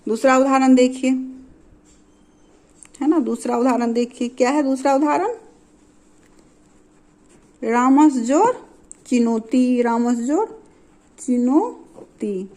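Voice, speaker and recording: A woman gives a patient grammar lesson in a fairly high voice. She speaks slowly and spells out each rule step by step. She repeats the examples and keeps asking questions that she then answers herself. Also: a little mellow. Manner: asks and answers her own questions, adds "isn't it?" checks. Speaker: teacher.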